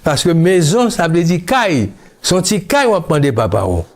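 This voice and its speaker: A man from Haiti, speaking as an interview guest, recalling his childhood in a slow, musing way that mixes Creole and French. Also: on the high side, wildly swooping pitch. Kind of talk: reflective interview talk.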